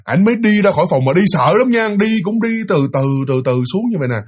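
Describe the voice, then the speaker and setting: Fast-talking husky man telling a ghost story. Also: high-pitched. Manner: animated, fast, with many restarts and hesitations. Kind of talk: casual spoken ghost story retelling.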